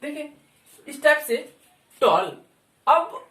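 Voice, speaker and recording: A man teaching a lesson as a YouTube teacher, repeating each word slowly and stretching it out to show the pronunciation. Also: very high voice, sing-song, fairly bright tone, echoey room. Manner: drawn-out, repeats words for pronunciation. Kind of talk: slow explanatory lesson.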